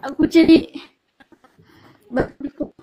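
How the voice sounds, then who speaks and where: A woman calling in over a choppy, breaking-up connection, speaking in a halting, hesitant way and often repeating herself. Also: muffled recording, slight background noise. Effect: choppy, breaking-up call connection. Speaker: caller on a live video call. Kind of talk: casual live-stream call.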